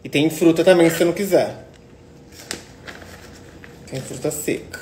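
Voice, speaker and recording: A young Brazilian man, chatting on casual phone stories and coaxing a pet in a sweet, expressive voice, indoors at home. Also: on the high side, moderate pace, slight background noise. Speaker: influencer. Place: indoors at home, apartment rooms. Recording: echoey room.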